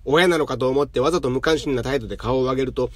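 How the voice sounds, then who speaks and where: A man reading literary fiction aloud in a calm, measured way. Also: mid-range voice, no room sound. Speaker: narrator.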